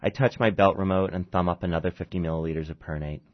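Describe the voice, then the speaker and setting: A very deep-voiced man reads his own short story aloud, steady in the prose and halting with fillers when he chats. The recording is dull and lo-fi.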